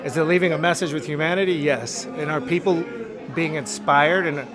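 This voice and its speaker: A man's voice: fairly high pitch, fairly even intonation, moderate pace, crowd noise. Earnest man with a slightly raised voice. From Los Angeles. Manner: earnest, motivational. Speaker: artist interviewed. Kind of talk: reflective interview talk. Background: music.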